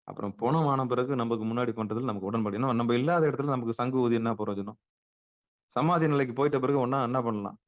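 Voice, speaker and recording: A man delivers a spiritual discourse in an everyday, conversational way. He keeps posing rhetorical questions and answering them, and he repeats words to press his point. The recording is dull and lo-fi, and his voice sits at a middling pitch. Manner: emphatic, repeats words for stress. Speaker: spiritual teacher.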